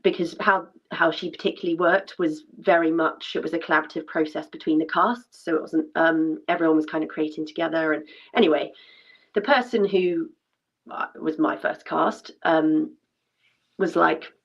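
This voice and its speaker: A woman's voice: low voice, steady tone, moderate pace. A woman, a former dancer telling a personal story in a chatty way, full of fillers and restarts. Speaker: former dancer sharing her story at an event. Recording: dull lo-fi sound.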